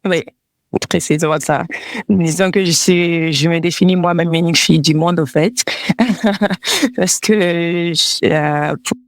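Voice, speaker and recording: Guest woman, Togo-born designer, casual and halting, close dry mic. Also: fairly low pitch, no room sound. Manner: hesitant, many fillers and restarts; laughs between answers. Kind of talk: casual interview talk.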